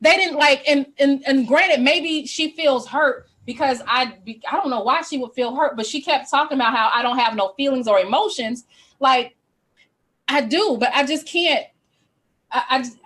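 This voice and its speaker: A woman's voice: high voice, moderate pace, a bit bright. A woman talking on a casual group call, defending herself with emphatic, profane storytelling.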